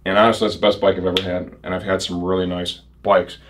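A man's voice: low-pitched, little pitch movement, fast, slight background noise. Upbeat male shop promo host. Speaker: host of a motorcycle gear shop show. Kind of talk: casual sales promo presenting. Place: indoor shop set.

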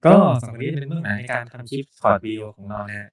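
Talking rapid-fire in a medium-pitched voice, a man hosts a podcast and jokes around informally while introducing a channel.

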